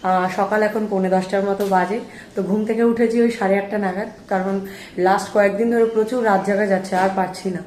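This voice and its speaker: A woman's voice: medium pitch, darkish tone, reverberant, slight background noise. A woman vlogger chatting casually to her viewers about her day at home. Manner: chatty, talks straight to viewers. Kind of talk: casual vlog chat.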